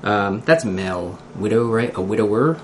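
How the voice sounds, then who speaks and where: A man with a Philadelphia accent hosting a casual podcast in a halting, loosely scripted way. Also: fairly low pitch, expressive, a little hiss or hum. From Philadelphia area, United States. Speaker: podcast host.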